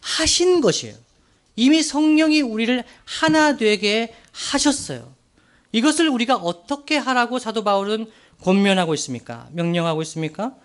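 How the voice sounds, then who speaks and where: Casting note: male pastor with a high, bright voice, delivering an earnest sermon with slow, weighty emphasis. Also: lively intonation. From Daegu, South Korea. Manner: earnest, slow emphatic phrasing with rhetorical questions to the congregation.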